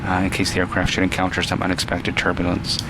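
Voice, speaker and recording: A man acting as a calm airline captain with a very low, flat voice, making a hesitant, routine announcement to passengers in a flight game. Engine rumble runs clearly behind him. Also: fast, natural voice. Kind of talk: cabin announcement.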